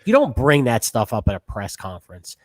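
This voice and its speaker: A man's voice: medium pitch, huge pitch swings, brisk, dry recording, clean studio sound. A man co-hosting a sports podcast, arguing his points in a casual, emphatic and repetitive way.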